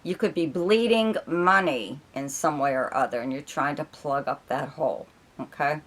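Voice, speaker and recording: A woman reading a monthly horoscope forecast as an astrologer, rambling with many fillers and checking in with "okay?", her voice going hoarse. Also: low voice, moderate pace. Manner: rambling, filler-heavy, keeps adding "okay?". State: losing her voice.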